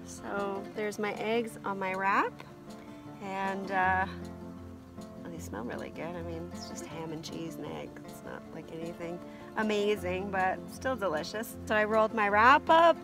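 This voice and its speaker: A woman in her forties chatting casually to camera from inside a heated canvas tent, relaxed and rambling with lots of ums. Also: mid-range voice, measured pace, over music. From Canada. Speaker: camping vlogger. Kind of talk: casual vlog chat. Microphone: camera at arm's length and on a stand.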